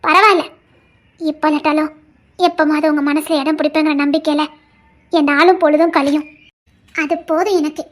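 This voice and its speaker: A woman's voice: high-pitched, fairly even intonation, normal speed, long pauses, lightly acted. A woman voicing a stubborn, loving young wife in an audio drama, talking earnestly and insistently. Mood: devoted, pleading.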